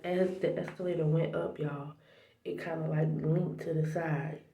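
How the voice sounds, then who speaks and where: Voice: medium pitch, dark tone. A faith vlogger sharing a dream and a spiritual message to camera, heartfelt and tearful, talking straight to the viewers and sometimes dropping to a whisper. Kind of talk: emotional spiritual testimony to camera. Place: small bathroom. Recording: echoey bathroom.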